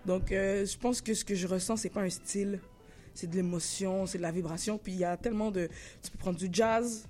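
A woman in her thirties with a Québécois French accent, a rapper chatting in an interview, laid-back, halting, full of slang and restarts. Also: mid-range voice, steady tone, dark tone, faint music behind. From Laval, Quebec. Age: 30s. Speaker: rapper guest. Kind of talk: casual interview chat.

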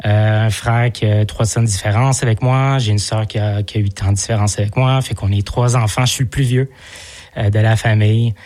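A man's voice: on the low side, fairly even intonation, fairly quick, darkish tone. A man with a Québécois French accent, a guest in a radio interview, speaking hesitantly with many fillers and repeated words. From Montreal area, Quebec. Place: radio studio.

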